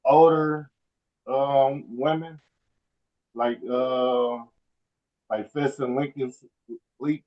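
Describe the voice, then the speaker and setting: A man's voice: medium pitch, fairly even intonation, reverberant. A hesitant man speaking with his phone held away from his mouth, so he comes through faint and distant on a muffled line. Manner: hesitant, halting, full of fillers. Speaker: defendant in a remote court hearing. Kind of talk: answering a judge by phone.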